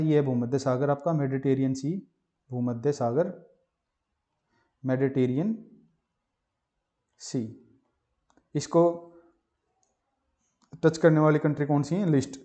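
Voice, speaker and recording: Here the same sort of geography exam-prep class comes from a man whose voice sits fairly high and sounds mellow. Mnemonic stories carry his teaching, and he keeps asking himself questions and supplying the answers, all in a muffled, lo-fi voice-over.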